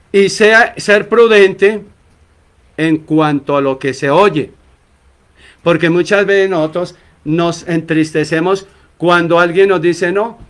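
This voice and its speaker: A man preaching a sermon as pastor, asking the congregation rhetorical questions and acting out short quoted exchanges between church members. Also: a little high.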